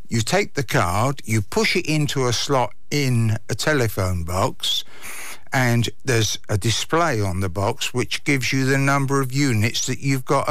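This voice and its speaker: A mature Englishman talks as an interview guest, recounting and explaining things conversationally. He speaks slowly and deliberately, in a close, dry recording. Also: mid-range voice, a bit bright, no room sound. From England.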